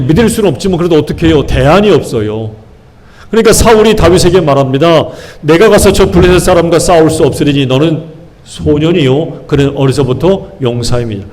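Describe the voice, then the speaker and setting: A man's voice: on the high side, a little mellow. A man pastor preaching a sermon. He keeps asking the congregation questions and acts out the lines he quotes.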